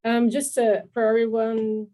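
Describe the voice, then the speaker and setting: A woman speaking on a video call as her connection falters, her words chopping and stuttering as the stream buffers. Her delivery is flat and even, with a soft, mellow tone. She halts and repeats words as the audio drops in and out. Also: on the high side, a little slow. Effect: choppy buffering call audio that cuts and stutters. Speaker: panelist. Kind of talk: video call panel discussion.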